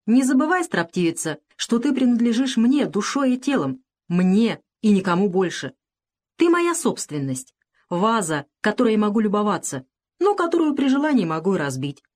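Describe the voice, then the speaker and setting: A woman's voice: medium pitch, sing-song, moderate pace, a little mellow. A woman reading the part of a domineering, mocking male plantation owner in an audiobook, with a harsh, commanding delivery.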